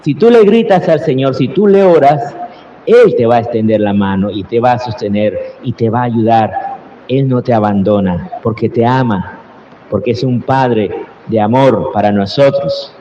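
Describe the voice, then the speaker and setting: A priest preaching a slow, earnest Sunday homily, his voice rising into cried-out prayers, recorded in a large church. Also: mid-range voice, dark tone, dull audio, a little hiss or hum. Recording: roomy church reverb with faint ambience.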